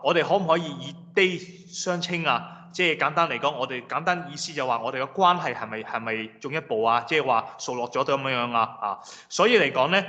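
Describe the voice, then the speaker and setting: Bright-voiced male lecturer in a hall. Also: mid-range voice. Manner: patient, explanatory, repeats example words slowly. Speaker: language lecturer. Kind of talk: classroom lecture. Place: lecture room. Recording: reverberant hall, dull lo-fi sound.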